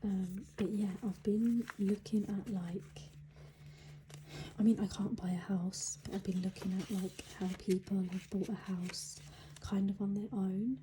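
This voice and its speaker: A young British woman speaking quietly, largely whispering as if others are asleep, chatting casually as a budgeting vlogger. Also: mid-range voice, fairly even intonation, measured pace, slight background noise, low-quality recording. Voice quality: soft, breathy, largely whispered. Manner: hushed, quiet early-morning voice so as not to wake others. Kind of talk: casual chat while counting cash. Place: indoors at home.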